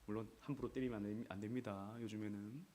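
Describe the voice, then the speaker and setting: A man's voice: fairly low pitch, fairly even intonation, fast talker, a little hiss or hum. A man pastor delivering a Wednesday sermon, reading scripture aloud and acting out quoted voices dramatically. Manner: dramatic, acts out scripture quotes and mocking crowds loudly. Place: church sanctuary.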